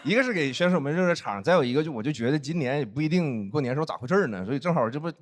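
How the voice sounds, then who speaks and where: A man performing a stand-up comedy set on stage, animated and acting out other people's voices. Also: fairly high pitch, very fast. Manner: animated, acts out friends' teasing voices. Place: stage before a live audience. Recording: noisy live show audio. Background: audience laughter.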